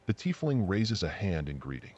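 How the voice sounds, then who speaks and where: Male actor as fantasy game narrator, lowish pitch, highly expressive intonation, scripted descriptive reading. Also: moderate pace, husky, muffled recording, full character voice.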